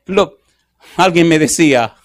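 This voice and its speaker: A male pastor delivers a sermon in a fairly high voice. He stretches out scripture verses word by word and keeps asking the congregation questions to press his point. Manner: asks the congregation rhetorical questions; slows to stress scripture verses.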